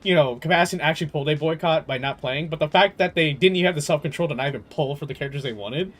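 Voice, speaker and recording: A slightly high, fairly bright-toned man fires off rapid commentary while livestreaming a video game. His talk is casual and rambling, opinionated and slangy, amused and incredulous, with occasional swearing.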